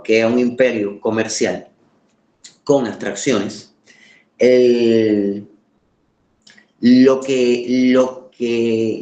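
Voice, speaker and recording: A man from the Caribbean with a Caribbean Spanish accent gives an informal lecture, pausing to search for words and repeating phrases for emphasis. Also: medium pitch, a little mellow. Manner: emphatic repetition for rhetorical effect, halting word searches. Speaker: course lecturer. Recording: roomy, echoing sound.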